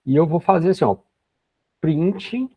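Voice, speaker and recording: His fairly high, expressive voice has a breathy edge and moves a little slowly. He's a man in his forties giving a screen-recorded coding lesson, patiently explaining every step and using many tag questions, captured in dry, dull lo-fi sound.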